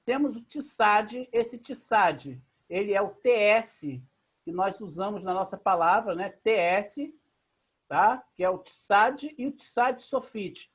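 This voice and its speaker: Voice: medium pitch, expressive, takes it slowly, slightly rough. A teacher with a Brazilian Portuguese accent gives an online class over a video call. The teacher explains patiently, step by step, and keeps checking in with the students. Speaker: Bible language teacher. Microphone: video call computer mic.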